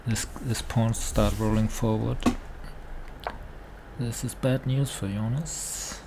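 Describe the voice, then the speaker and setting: Slow-talking man commentating over noise. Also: mid-range voice, steady tone. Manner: halting, thinking aloud. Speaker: amateur chess commentator. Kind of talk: casual live game commentary. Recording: clearly noisy background.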